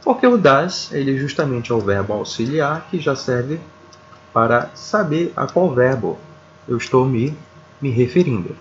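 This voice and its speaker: A man with a Brazilian Portuguese accent teaching an English grammar lesson, slow and deliberate, often repeating words and checking in with his students. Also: mid-range voice, expressive, dull audio, a little hiss or hum. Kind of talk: video lesson explaining grammar.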